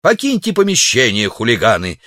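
A man's voice: mid-range voice, wildly swooping pitch, moderate pace, sharp tone, dry recording, clean studio sound. A man reading an audiobook, voicing a pompous chairman who gives stern orders. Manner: stern and officious. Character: pompous congress chairman, middle-aged man.

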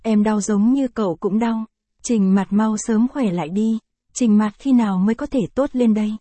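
A woman's voice: mid-range voice, moderate pace, dark tone, no echo, close to an everyday voice. A woman voicing an anguished teenage boy who pleads tearfully with his little brother. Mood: worried.

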